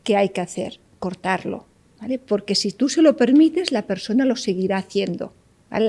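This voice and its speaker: A woman psychologist appears as an interview guest, explaining ideas in a didactic way. Her mid-range voice is creaky and warm, and she keeps checking in with "¿vale?".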